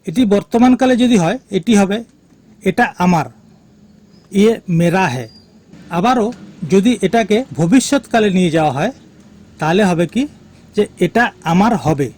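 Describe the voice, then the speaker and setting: A man teaching a language lesson, speaking slowly and deliberately and repeating each phrase for learners. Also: sits high, expressive, a little mellow. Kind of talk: slow spoken language lesson.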